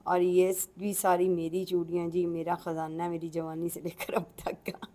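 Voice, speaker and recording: Chatty Punjabi-accented woman, warm voice. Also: on the low side, completely flat delivery, normal speed. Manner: chatty, folksy, addresses viewers politely. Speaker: home cook. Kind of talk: casual cooking vlog.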